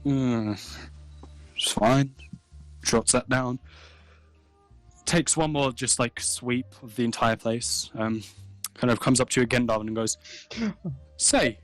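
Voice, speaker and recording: A man's voice: mid-range voice, flat delivery, fairly bright tone, soft background music, rough recording. Casual man running a tabletop game. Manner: casual, halting narration with many fillers. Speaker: game master. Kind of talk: narrating a tabletop game over voice chat. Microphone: voice chat mic.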